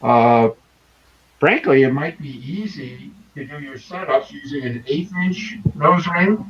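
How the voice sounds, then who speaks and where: A man's voice: on the high side, a little slow. A man in a casual technical chat on a video call whose microphone keeps cutting out. He explains things step by step, with fillers. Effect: call dropping out, mic cutting out. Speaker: participant in a hobby video call. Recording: dull, distant video call audio with crowd noise behind.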